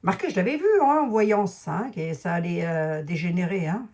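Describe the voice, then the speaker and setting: A woman's voice: fairly low pitch, normal speed, warm tone. A woman with a Lorraine accent, a clairvoyant talking casually and rambling to her viewers from home while painting a room. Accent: Lorraine French. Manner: rambling, digressive, talks straight to the audience. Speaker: clairvoyant YouTuber. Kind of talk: casual chatty monologue to viewers.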